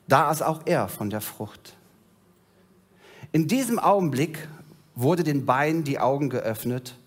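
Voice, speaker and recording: A male pastor preaching a sermon, retelling scripture in a storytelling way and dropping low and soft at solemn moments.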